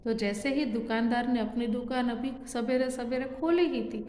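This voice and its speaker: A woman's voice: fairly high pitch, moderate pace, mellow. A woman teacher reading a story aloud to a primary class, repeating lines and asking the pupils questions. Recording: echoey room with long reverb, faint noise.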